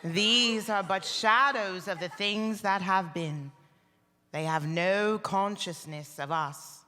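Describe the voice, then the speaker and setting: A woman playing a calm, stern, ageless spirit in live radio theater, speaking in a measured, solemn, commanding way. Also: medium pitch, a faint crowd. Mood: gentle, grave. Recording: reverberant live theater hall.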